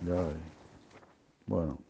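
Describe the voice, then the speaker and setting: A man leading a scripture class, reading and explaining slowly and haltingly, with many fillers and soft chuckles. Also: low voice, creaky, a little hiss or hum. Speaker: spiritual teacher.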